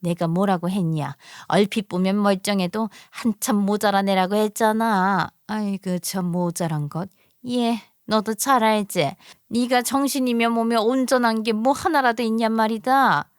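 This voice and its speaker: A woman's voice: mid-range voice, measured pace, clear, resonant tone, no echo, clean studio sound, natural voice. A woman voicing a scheming, contemptuous middle-aged mother-in-law in a story radio drama, scolding and belittling. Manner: scolding, belittling, sneering sighs.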